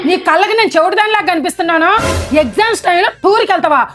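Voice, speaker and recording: High-voiced, scolding comedic mother. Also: racing, a bit bright. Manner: scolding, melodramatic, theatrical. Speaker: comedy sketch actor playing a mother. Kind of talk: scripted comedy sketch. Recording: music playing underneath.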